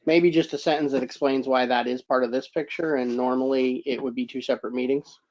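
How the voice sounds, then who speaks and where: A man on a town board talks through an idea, hesitating and filling gaps with "um" and "you know." His voice is mellow and dark. The sound is muffled and lo-fi. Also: mid-range voice, fairly even intonation, brisk, a little hiss or hum. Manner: hesitant, searching for words with many fillers. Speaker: board member. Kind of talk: public meeting discussion.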